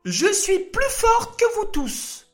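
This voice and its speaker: A man voicing a tiny, boastful female tongue in a children's story, squeaky and insistent. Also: huge pitch swings, takes it slowly, a bit bright, faint music behind, exaggerated voice.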